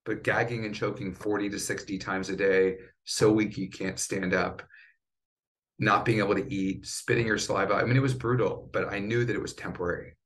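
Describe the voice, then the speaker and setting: Casting note: middle-aged male survivor, very low voice, earnest and emotional, driven tone. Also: fairly even intonation, fairly quick, a bit bright. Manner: earnest, choked up at times. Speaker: cancer survivor and patient advocate. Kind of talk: emotional podcast interview.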